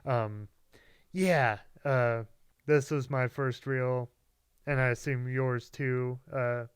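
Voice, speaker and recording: A man's voice: mid-range voice, steady tone, slow pace, clean tone, no room sound. A young man co-hosting a casual podcast chat at home, easygoing and teasing, laughing often. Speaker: podcast co-host. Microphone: good podcast mic.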